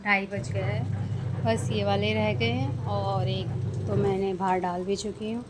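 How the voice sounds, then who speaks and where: A woman's voice: medium pitch, steady tone, measured pace. A young Indian mother chatting through a casual home vlog while coaxing her toddler, filmed on a handheld phone. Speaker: vlogger and mother. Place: home, indoors. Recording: noisy home phone recording.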